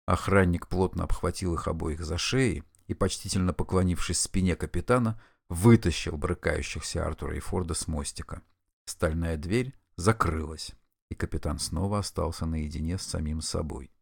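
A man narrating an audiobook with expressive, animated storytelling. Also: low voice, creaky, no echo, studio quality. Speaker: audiobook reader. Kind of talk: scripted narration.

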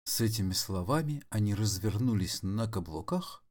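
A man narrating an audio drama in an expressive, theatrical way. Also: lowish voice, normal speed.

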